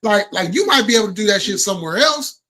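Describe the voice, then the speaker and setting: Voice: medium pitch, lively intonation, quick pace, bright, forceful tone. A live stream host chatting casually with viewers in informal, slangy speech peppered with swearing.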